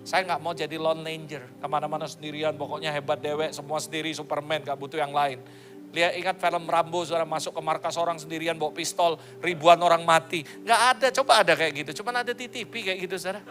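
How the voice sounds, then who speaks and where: A man's voice: on the high side, steady tone, fast talker, fairly bright tone, faint music behind. A male pastor preaching a sermon in a playful, joking way, slipping English phrases into his talk.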